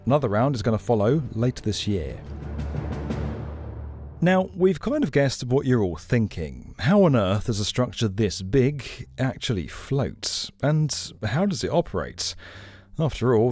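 A man giving scripted documentary narration in a clear, explanatory, lightly conversational way, recorded as a studio voice-over. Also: medium pitch, darkish tone.

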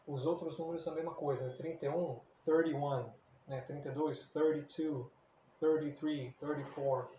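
A man from Brazil giving a casual spoken lesson as an English teacher, speaking slowly and deliberately and repeating words for practice. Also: a little high, fairly even intonation, warm tone. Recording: echoey room with faint ambient noise.

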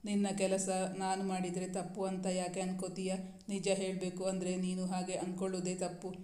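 A man voicing a caring young husband who gently and stubbornly comforts his injured wife in a storybook reading. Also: sits high, monotone, fairly quick, roomy sound, natural voice. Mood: gentle coaxing. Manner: soft, coaxing reassurance.

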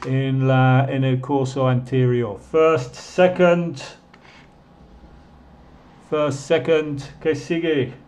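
A man's voice: medium pitch, flat delivery, extremely slow, long pauses, darkish tone. A man teaching an English lesson live online, reading chat questions and stretching out number words to show their pronunciation.

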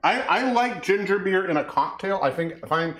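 A man with a high, animated voice at normal speed and a somewhat bright tone co-hosts a cooking and drinks show. The recording is roomy with a little hiss or hum. Chatting casually while mixing a cocktail, he rambles, often trails off, and corrects himself.

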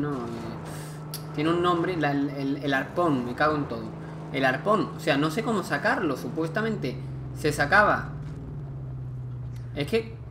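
A man commentates his gameplay in a chatty, thinking-aloud way, reading the on-screen text aloud. His voice sits fairly high for a man. A steady noise runs clearly under the recording. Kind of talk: let's play commentary.

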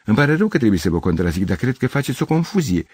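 Older man doing a flustered courteous gentleman, higher strained voice, husky, lively pitch. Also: no echo. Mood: polite, confused. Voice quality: courteous, increasingly agitated pleading. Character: bewildered polite middle-aged man, anxious.

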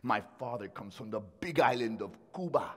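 Animated male storyteller over salsa music. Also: medium pitch, normal speed. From New York City. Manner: mixes Spanish phrases into English, playful and dramatic. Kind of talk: lively storytelling performance.

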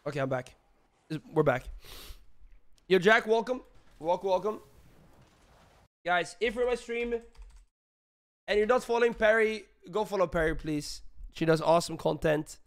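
A man streaming live with a sick, hoarse voice, chatting casually with his viewers in a rambling way. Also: high voice, lively intonation, moderate pace, pauses often, fairly bright tone. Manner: rambling, filler-heavy, greets chat.

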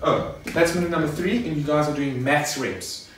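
A young adult fitness coach, his voice a little high and his pace normal, walks viewers through a workout in a laid-back, instructional style and calls them "guys." He's in a garage home gym. The recording comes from a camera several metres off, so it's echoey and distant, with faint noise underneath.

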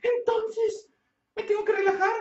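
A woman's voice: very high-pitched, level tone, measured pace, a little hiss or hum. A woman voicing a panicky, melodramatic female puppet who wails and shrieks. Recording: roomy, distant, dull sound.

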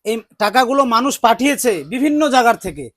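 A man from West Bengal hosting a charity vlog, calming someone with repeated gentle urging. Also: very high voice, fast talker, no echo. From West Bengal, India. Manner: soothing, repetitive coaxing. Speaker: charity vlogger. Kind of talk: casual vlog talk.

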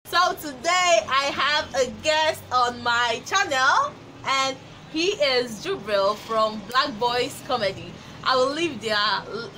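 A young Nigerian woman with a Nigerian accent and a sharp, rather high voice hosts her YouTube vlog, chatting casually and giggling. She's in a small indoor room in front of a patterned cloth, with music and slight noise in the background.

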